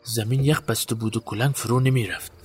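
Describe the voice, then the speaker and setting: A man's voice: medium pitch, fairly even intonation, soft background music, natural voice. A man playing a haunted, guilt-ridden witness. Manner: halting, haunted recollection. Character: guilt-haunted man recalling a night burial. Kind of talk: audio drama acting.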